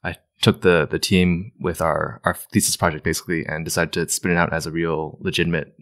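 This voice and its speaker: A man's voice: low-pitched, a little fast. A man from Hong Kong talking as a podcast guest, telling stories loosely with many fillers. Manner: relaxed storytelling, many fillers. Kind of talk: casual interview talk.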